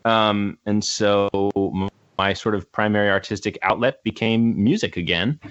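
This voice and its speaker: A man's voice: on the low side, fairly even intonation, normal speed, a bit bright, smooth, no echo. A man in his twenties, a guest actor and musician, chatting casually and rambling with many fillers and restarts. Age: 20s. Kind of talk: casual interview chat. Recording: slightly dull, dry sound.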